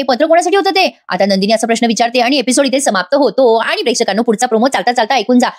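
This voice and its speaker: A woman reviews a TV serial episode in a chatty, casual recap. She talks very fast with a fairly high voice and acts out the characters' lines along the way. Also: no echo, studio quality. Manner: chatty, retells scenes with quoted lines.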